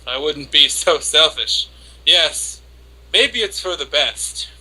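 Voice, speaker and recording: Casting: male reader for lovestruck young anime woman, obsessive and flustered; hammy, theatrical dramatic reading, piercingly bright delivery. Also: a little high, lively intonation, slow, breathy edge, full character voice, low-quality recording. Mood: dreamy, devoted. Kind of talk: dramatic reading of an internet post.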